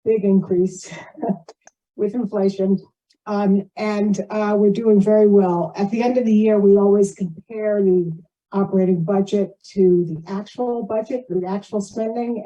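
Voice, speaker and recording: A board member gives an informal financial report at a community meeting shared over a video call, and the audio is poor. Her mid-range voice is mellow, and she speaks plainly but rambles, often wandering into asides.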